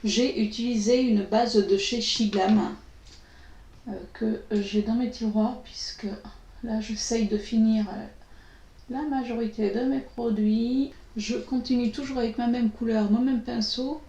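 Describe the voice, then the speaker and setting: A woman walks through a makeup tutorial at an unhurried pace, pausing often and filling gaps with hesitations. Her voice sits a little high. The recording carries a noticeable echo from the room. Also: steady tone, warm tone. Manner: slow, hesitant, many pauses and fillers. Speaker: beauty vlogger. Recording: echoey room.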